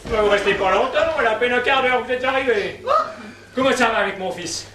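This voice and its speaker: A man's voice: very high voice, fast talker. A man doing a rambling half-deaf old husband. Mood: puzzled. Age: older. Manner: rambling, mishears and misunderstands. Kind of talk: amateur stage comedy. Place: theatre stage. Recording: echoey stage from far off, noisy.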